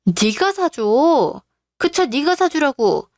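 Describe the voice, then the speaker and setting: A woman's voice: high voice, very animated, takes it slowly, darkish tone, no echo, clean studio sound, full character voice. A woman voicing a young female business owner in a radio drama, talking in a curt, scolding way. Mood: angry.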